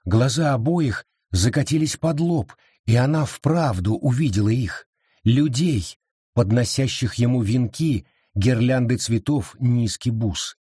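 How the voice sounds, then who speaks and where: Brief: male storyteller, husky mid-range voice, dry close sound, measured reading. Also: medium pitch, dark tone, no echo. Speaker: audiobook narrator. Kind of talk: scripted narration.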